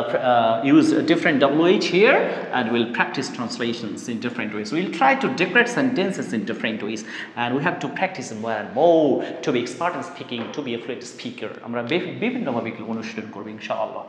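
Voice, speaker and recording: A man teaching a spoken English lesson, drilling translated phrases and stressing key words loudly. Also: medium pitch. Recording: echoey room with long reverb.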